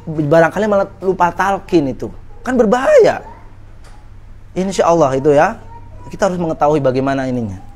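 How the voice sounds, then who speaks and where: A man's voice: fairly high pitch, lively intonation, moderate pace, long pauses, darkish tone. A man preaching an Islamic study lecture to women, in a conversational way, often putting questions to his listeners. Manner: conversational, asks the audience questions.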